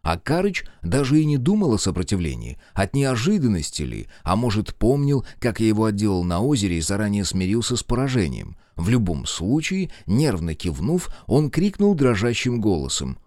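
Lively, low-voiced male audiobook narrator. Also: moderate pace, hardly any pauses, no echo, clean studio sound. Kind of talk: first-person scripted narration.

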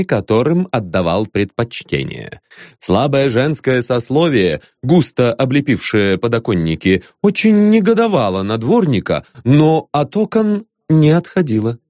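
A man narrating a satirical novel aloud in an expressive storytelling manner. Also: medium pitch, no room sound, clean studio sound. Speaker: audiobook narrator.

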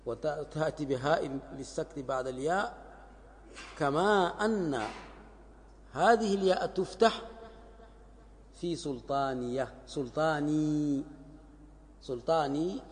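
A man's voice: fairly high pitch, slight background noise. Man teaching grammar in an echoing hall. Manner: repeats phrases and examples slowly for students. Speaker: sheikh teaching Arabic grammar. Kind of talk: classical grammar lesson explaining a text. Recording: long hall reverb.

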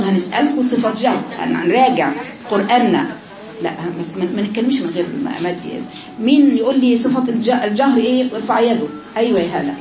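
A woman with an Egyptian Arabic accent teaching a Quran recitation class, often repeating sounds to demonstrate them. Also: on the high side. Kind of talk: classroom lesson on pronunciation. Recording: echoey, noisy room.

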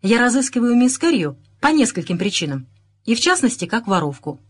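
A gruff, commanding police inspector barks his orders loudly and with irritation, as a woman narrator acts him out. His voice sits high and swings widely in pitch. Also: sing-song, brisk. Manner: barking, shouting orders.

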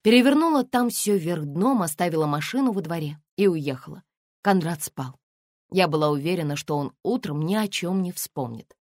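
A weary, guarded young woman who mutters darkly, as a woman voices her in an audiobook. The voice sits lowish, close and dry. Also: expressive, moderate pace, a little mellow, no room sound. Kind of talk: audiobook character reading.

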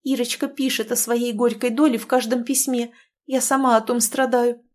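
A woman voicing a proud, quick-tempered young noblewoman who answers in sharp, indignant retorts. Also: a little high, level tone, voice pushed up, lightly acted. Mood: anxious.

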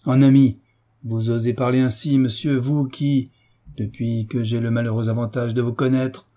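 A man's voice: medium pitch, level tone, normal speed, warm tone, natural voice. A man voicing a pompous, easily offended baron in an audiobook, orating with indignation. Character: pompous touchy aging baron, self-important politician. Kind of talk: audiobook character reading.

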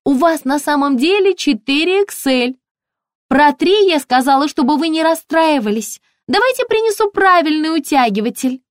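A woman's voice: high voice, expressive, moderate pace, dry recording, studio quality, pitched above the performer's own voice. A woman reading an audiobook, voicing a chirpy, pushy young female shop assistant with a ringing voice. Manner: bright, ringing, relentlessly chatty.

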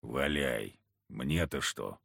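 A man voicing a gruff, sullen big village hunter who grumbles curtly. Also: a bass voice, very slow, a bit bright, no room sound, studio quality, voice pushed down, exaggerated voice. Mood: grumbling. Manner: grumbling, curt.

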